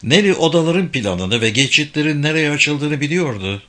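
Bright-voiced man reading a thriller. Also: a little high, animated, normal speed. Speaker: narrator. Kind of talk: audiobook narration of a thriller.

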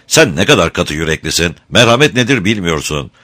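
A man's voice: low voice, sing-song, brisk, bright, forceful tone, full character voice. A man voicing a kind, stern woodcutter in a storybook reading. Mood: reproachful. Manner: reproachful, earnest. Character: kind older woodcutter, stern but gentle.

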